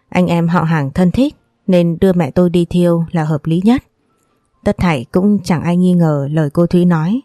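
A woman narrating a first-person audiobook story in a steady, sorrowful reading voice. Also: lowish voice, no room sound, studio quality.

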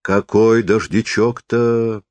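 A man's voice: fairly low pitch, flat delivery, takes it slowly, a little mellow, dry recording. A man reading a story voices a devout, fretful old peasant woman. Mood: pious, sighing.

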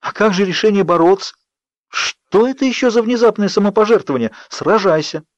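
A man's voice: sits high, expressive, brisk, no echo, voice pushed up. A man voicing Bella, a desperate teenage girl who pleads urgently, read for an audiobook. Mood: fierce. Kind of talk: audiobook character reading. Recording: dry, slightly dull studio read.

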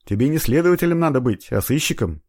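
A man playing an ironic, impatient middle-aged investigator in an audiobook, gruff and scolding. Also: medium pitch, animated, fast, a little mellow, no echo, voice pushed up. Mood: pressing. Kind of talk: audiobook reading.

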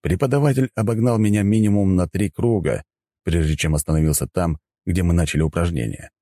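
Male audiobook narrator, low dark voice, dry close sound. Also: brisk, dry recording. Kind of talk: first-person audiobook narration.

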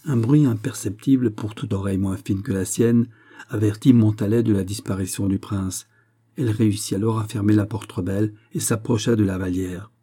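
Low-voiced, dark-toned male narrator. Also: fairly even intonation, a little fast, breathy edge. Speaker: audiobook narrator. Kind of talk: scripted narration.

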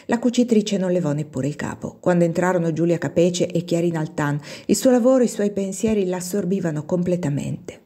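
A woman reads a classic novel aloud, measured and expressive. Her voice is fairly low and mellow, with a soft husk to it. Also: slightly rough. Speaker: audiobook reader. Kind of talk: literary narration.

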